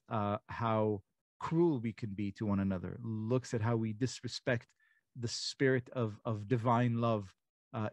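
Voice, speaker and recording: A middle-aged Israeli author and guest speaker talks in an online lecture conversation from his home study, using a desk mic on a video call. His voice sits on the low side with no echo, and he tells stories reflectively, with many restarts, fillers, and lively, animated quoted voices.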